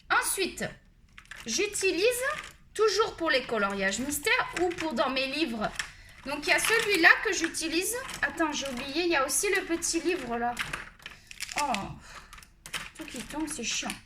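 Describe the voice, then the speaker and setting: A woman's voice: sits high, lively intonation, measured pace, noisy background. A woman chatting at home as she shows off her art supplies, rambling and talking straight to her viewers. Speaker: art vlogger. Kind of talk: chatty product show-and-tell.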